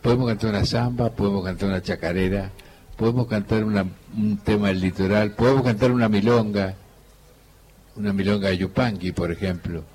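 A folk guitarist and singer from Argentina's Cuyo region, speaking with a Cuyo Argentine Spanish accent, tells stories as an interview guest in a relaxed conversation. Unhurried, he quotes others and hums lines; his voice is fairly low, with a little hiss or hum on the recording.

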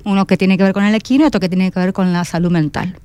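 Woman with a mellow, smooth voice. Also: medium pitch, steady tone. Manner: thoughtful, searching for words with pauses. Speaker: guest, teacher and book designer. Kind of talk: radio interview conversation.

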